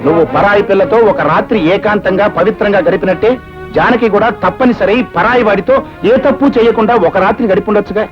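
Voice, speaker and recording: An actor plays a middle-aged father with a high, fast voice who lectures his son with force. The old film soundtrack is dull, with loud music underneath. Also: lightly acted. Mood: lecturing. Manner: forceful, moralizing.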